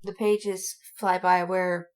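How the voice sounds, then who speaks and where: This podcast co-host chats casually about anime and fandom with giggly, gushing fan enthusiasm. Her voice, though, is fairly low, flat in delivery, and slow.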